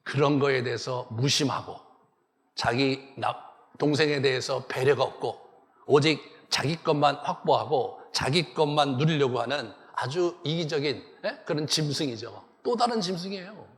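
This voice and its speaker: A male pastor giving a sermon and telling the story in a lively way, acting out the characters. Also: mid-range voice, moderate pace. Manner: animated storytelling, acts out the characters. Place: church sanctuary. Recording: long church hall reverb.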